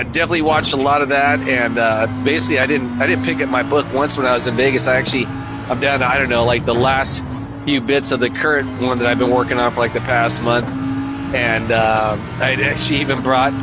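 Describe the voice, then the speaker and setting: Amid heavy background noise and loud music, a middle-aged man with a medium-pitched voice streams himself sim racing and chats as he drives. He's tired and losing his voice. His talk is laid-back and rambling, with "man" coming up a lot.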